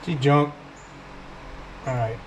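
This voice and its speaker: Male mechanic, unhurried casual workshop vlog, half talking to himself, garage noise behind. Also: medium pitch, steady tone. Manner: muttering to himself while working, mechanic's shop talk. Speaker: mechanic restoring an old car in a home garage. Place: home garage.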